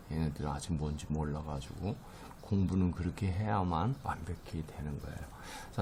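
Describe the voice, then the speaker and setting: A man's voice: low-pitched, dark tone, slight background noise. A middle-aged man teaching a recorded lecture, explaining terms patiently with many fillers and stressing English words strongly.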